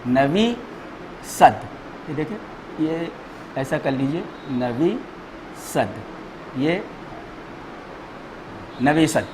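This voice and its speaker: A man teaching a grammar class, repeating each word slowly and spelling out letters and vowel marks for his students. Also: a little high, lively intonation, noisy background.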